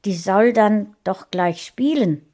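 A woman voicing a busy mother who talks briskly and with a raised voice. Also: mid-range voice, lively intonation, a little mellow, voice pushed up.

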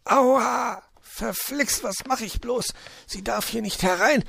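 Storybook fox woodcarver, male, excitable and easily rattled, quirky oaths; a man voices him, dry close sound. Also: extremely high pitch, slow pace, gravelly, no room sound, pitched above the performer's own voice, heavily acted. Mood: pained, flustered. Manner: exclaims quirky oaths, wails when hurt.

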